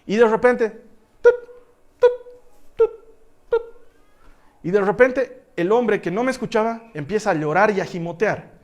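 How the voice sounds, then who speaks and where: Man, pastor, preaching through a story, voice on the high side, goes from quiet to loud and laughs often. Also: brisk, few pauses. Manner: animated storyteller who swings from hushed to loud. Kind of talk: storytelling sermon.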